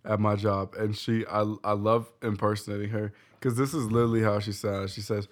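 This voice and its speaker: A man's voice: lowish voice, little pitch movement, brisk. A young man co-hosting a casual podcast, joking and stammering through his lines. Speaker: podcast co-host. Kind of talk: casual chat.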